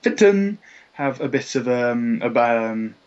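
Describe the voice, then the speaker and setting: A man's voice: mid-range voice, expressive, slow, darkish tone, clean tone, highs cut off. A man talking casually on a podcast, hesitant, with many fillers and restarts. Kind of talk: casual comics discussion.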